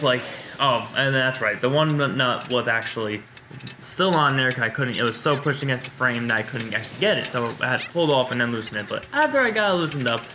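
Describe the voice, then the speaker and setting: There's background noise as a man dismantles his wrecked race car on camera, chatting loosely and correcting himself, his voice congested after being ill. His pitch is fairly high.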